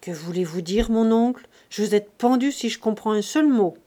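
A woman's voice: medium pitch, lively intonation, normal speed, dark tone, close to an everyday voice. A woman reading an audiobook, voicing a grief-stricken young man with pleading, distraught cries. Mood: bewildered. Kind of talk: audiobook reading of a classic novel.

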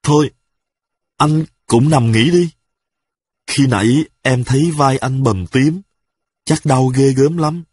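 A man voicing a fussy young wife, sharp-tongued but caring, who scolds and frets. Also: medium pitch, takes it slowly, long pauses, breathy edge, no room sound. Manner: scolding, fretful.

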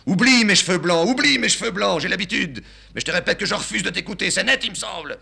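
A man's voice: high voice, expressive, fast talker, creaky, bright, forceful tone, husky, voice pushed up, full character voice. Man doing a blustering vain old harpist. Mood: pompous. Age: older. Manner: pompous, melodramatic outbursts. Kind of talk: dramatic play reading.

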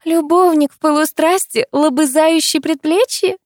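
Reading an audiobook, a woman pitches her high voice above her own natural one, though it stays close to everyday speech, to play a blunt, teasing young woman who mocks her friend with sardonic remarks. She keeps a moderate pace, and the studio-quality recording has no room sound.

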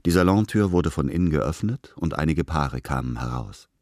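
Male radio drama narrator, extremely deep voice, dry studio, steady reading. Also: moderate pace, no room sound.

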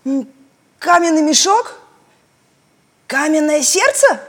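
Lady doing a spunky little girl, high and eager. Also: very animated, takes it slowly, heavily acted. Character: lively, determined young girl.

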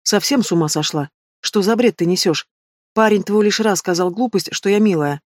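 A woman's voice: mid-range voice, normal speed, darkish tone, no room sound, studio quality, lightly acted. A woman voicing a mocking young heroine. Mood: exasperated. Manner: mocking, cool retorts. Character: sharp-tongued young woman student, the heroine.

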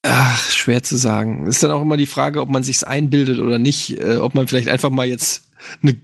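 Streamer man, thirties, slightly nasal, gravelly, loose rambling chat, dry close mic. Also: medium pitch, brisk, no room sound. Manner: relaxed, rambling, many fillers. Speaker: streamer answering questions. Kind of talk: casual chat.

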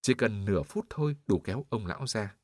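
A man voicing an urgent, generous middle-aged gentleman begging bystanders for help, in an audiobook. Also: lowish voice, expressive, brisk, no room sound, studio quality, close to an everyday voice. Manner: urgent pleading.

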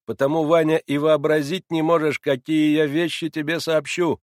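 A man's voice: on the high side, level tone, normal speed, no room sound, clean studio sound, pitched above the performer's own voice, lightly acted. A man reading a novel aloud, voicing an insistent, hearty male friend who speaks emphatically and coaxes. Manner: emphatic, coaxing. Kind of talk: audiobook character voice.

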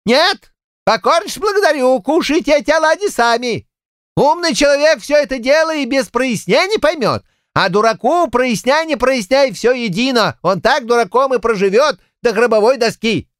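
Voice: sits high, lively intonation, moderate pace, a bit bright, no echo, clean studio sound. A chattering old Cossack granddad. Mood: grumbling. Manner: rambling folksy village speech. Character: garrulous boastful old Cossack man. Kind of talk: audiobook character voice.

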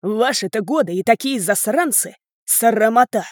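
A woman voicing an enraged, brutish older father-in-law who bellows and shouts abuse. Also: on the high side, lively intonation, unhurried, dry recording, studio quality. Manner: roaring, abusive shouting.

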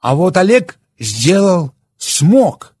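A man's voice: high-pitched, big pitch swings, takes it slowly, a little mellow, slightly rough, no echo, clean studio sound, voice pushed up, full character voice. A man voicing a scornful middle-aged mother who scolds her husband. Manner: contemptuous, scolding.

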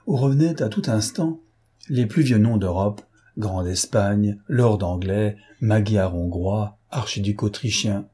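A man reading a novel aloud in steady, measured narration. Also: lowish voice, breathy edge. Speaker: audiobook narrator. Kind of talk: scripted narration.

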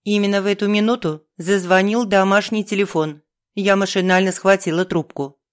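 A woman narrating a first-person audiobook in a wry, brisk storytelling manner. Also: mid-range voice, fairly even intonation.

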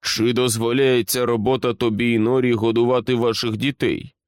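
A man reading aloud, playing a stern middle-aged general who talks in a clipped, commanding, measured way. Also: medium pitch, flat delivery, smooth, no room sound, studio quality, lightly acted. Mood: menacing.

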